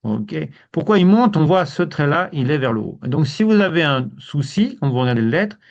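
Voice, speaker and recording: A man teaching a live language lesson to students, in a relaxed way, repeating words and often saying "ok". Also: a little high, a little fast, lo-fi sound.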